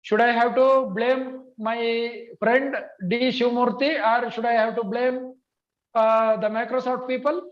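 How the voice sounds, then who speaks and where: A high-voiced man in his teaches an interactive online lesson. He goes step by step, repeating points and putting questions to his listeners. The audio is dull and lo-fi. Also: flat delivery, measured pace. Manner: repetitive, questioning, checks for agreement. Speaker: computer typing instructor.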